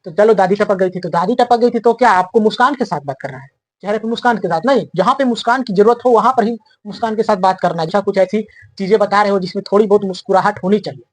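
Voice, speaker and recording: A man's voice: high-pitched, fast talker, dry recording. A man coaching students for an interview in a casual, chatty way, often checking that they follow. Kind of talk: casual instructive talk to students.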